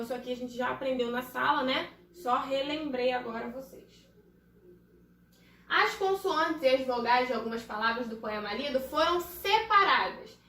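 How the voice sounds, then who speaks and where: A woman's voice: high-pitched, sharp tone, reverberant, distant mic. A Brazilian woman teaching first graders, patiently spelling out syllables in a recorded remote lesson. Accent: Brazilian Portuguese. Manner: slow, patient, spelling out syllables for small children.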